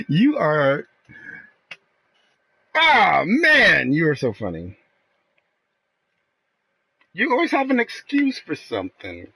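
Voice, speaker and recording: A man's voice: on the high side, wildly swooping pitch, slow pace, gravelly, long pauses, sharp tone, slightly rough. A man streaming a game who argues with a friend in casual banter, mocking him and swearing freely. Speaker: gaming streamer.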